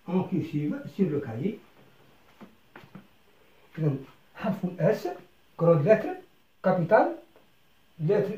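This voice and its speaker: Teacher spelling out syllables slowly, roomy sound. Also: medium pitch, dark tone. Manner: slow and deliberate, breaking words into syllables and repeating them. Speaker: French teacher. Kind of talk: beginner language lesson, switching between French and Arabic. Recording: roomy, slightly dull recording.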